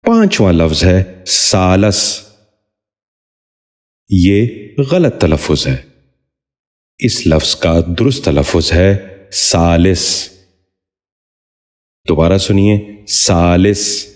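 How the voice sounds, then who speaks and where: A low-voiced man with a Pakistani Urdu accent leads a scripted pronunciation lesson. He announces each word, then repeats it slowly and with care. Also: very animated, a little mellow. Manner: slow, deliberate enunciation of single words. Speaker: pronunciation teacher.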